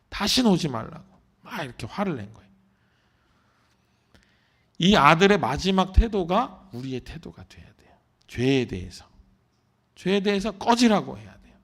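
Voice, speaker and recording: A man's voice: on the high side, gravelly. A male pastor preaching at an early-morning prayer service, telling a story and asking the congregation questions. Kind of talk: sermon. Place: church.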